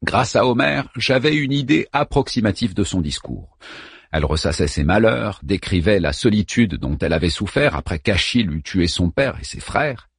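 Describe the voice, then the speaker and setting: A man narrating a first-person story in a measured reading voice. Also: lowish voice, lively intonation, vocal fry, husky, no echo, clean studio sound. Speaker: audiobook narrator.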